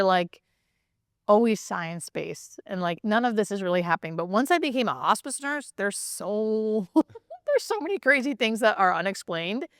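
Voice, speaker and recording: A hospice nurse appears as an interview guest, her fairly high voice captured in a clean studio with no room sound. She explains things and tells stories casually and animatedly, repeating points for emphasis and often checking in with questions like "right?"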